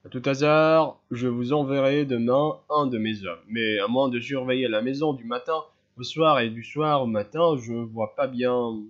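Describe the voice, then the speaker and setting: A man reading a story aloud, voicing a weary, gruff male police commissioner in a tired, curt way. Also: mid-range voice, normal speed, few pauses, close to an everyday voice. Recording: slightly dull lo-fi sound.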